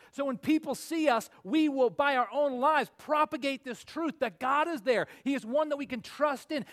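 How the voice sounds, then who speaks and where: A man in his forties preaching a sermon as pastor, earnest and swinging from emphatic peaks to low asides. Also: a bit bright. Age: 40s.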